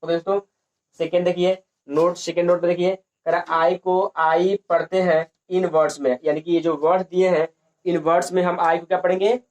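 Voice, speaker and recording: Repetitive teacher. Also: male voice, high-pitched, level tone, moderate pace, darkish tone. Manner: repetitive, asks and answers his own questions. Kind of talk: lesson on English pronunciation.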